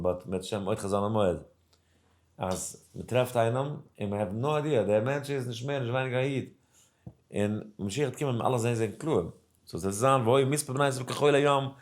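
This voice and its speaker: A man giving a casual Torah talk who springs into lively voices for the people in his story. Between stories he chants verses in a singsong and explains them plainly. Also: lowish voice. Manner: animated storyteller acting out characters, mixing in English and Hebrew. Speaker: rabbi teaching daily Torah study.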